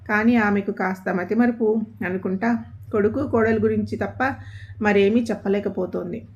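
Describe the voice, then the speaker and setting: A woman storyteller reading a family story aloud in a steady, somber scripted narration. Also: medium pitch. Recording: dull lo-fi audio.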